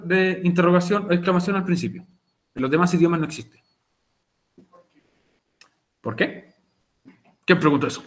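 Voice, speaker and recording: A Chilean man with a rather high voice leads a virtual English lesson. He goes over each point more than once in an easy, conversational way and checks in with his students over the call. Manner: patient, repeats key points, chats with students. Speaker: English teacher. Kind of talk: online class explanation. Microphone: video call.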